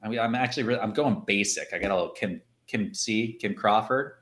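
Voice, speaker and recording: A man's voice: on the low side, brisk, a bit bright. A man hosting a casual live chat over drinks, chatty and jokey, often laughing. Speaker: podcast co-host. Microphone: livestream setup.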